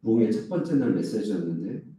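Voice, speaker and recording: A man's voice: on the low side, expressive, fast, warm tone, a little hiss or hum. A male pastor preaching an early-morning sermon, asking the congregation rhetorical questions and acting out complaints in a raised voice. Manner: acts out quoted complaints in a raised voice. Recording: echoey hall, speaker far from the mic.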